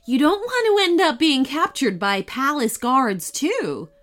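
Storybook: woman doing a large, gossipy cyclops kitchen lady, loud and bouncy. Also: sits high, sing-song, measured pace, faint music behind, voice pushed up, exaggerated voice. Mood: chatty. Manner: chatty, suspicious. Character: large green female cyclops cook, nosy.

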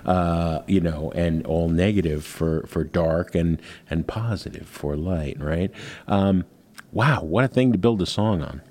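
Deep warm-toned male interviewer. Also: unhurried. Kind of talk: interview questions.

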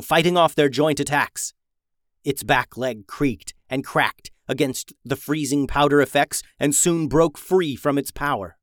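A man's voice: mid-range voice, no echo, studio quality. Man narrating a fantasy storybook.

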